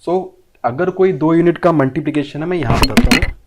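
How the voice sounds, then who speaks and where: A man's voice: fairly high pitch, fairly quick, very noisy. Hindi-speaking man drilling physics rules. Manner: repetitive drilling, quizzing students with questions. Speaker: physics teacher. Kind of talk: online classroom lesson. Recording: audio briefly disturbed, distant.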